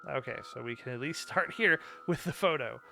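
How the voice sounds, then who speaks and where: A man's voice: mid-range voice, brisk, vocal fry, sharp tone, faint music behind. A man giving casual, rambling and joking playthrough commentary as he reacts to a video game. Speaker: gaming streamer.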